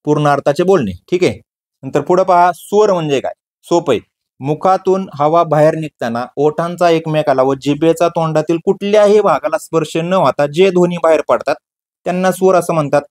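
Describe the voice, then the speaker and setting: A man's voice: a little high, darkish tone. A man teaching an exam-prep grammar lesson, firing questions at his students and answering them himself, repeating key words.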